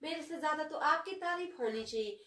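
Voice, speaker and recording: A woman's voice: high-pitched, expressive, a little fast, a bit bright, pitched above the performer's own voice. A woman voicing a young daughter-in-law who mocks her mother-in-law with a sly, sweet manner. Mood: sly mocking. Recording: roomy echo.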